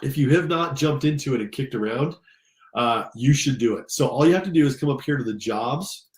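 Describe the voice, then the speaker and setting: A little fast and lively in intonation, an American man with a mid-range voice gives an enthusiastic, informal screen-share tutorial aimed right at his listeners. He's a career coach and instructor, slightly congested from allergies, recorded in a roomy, echoing space.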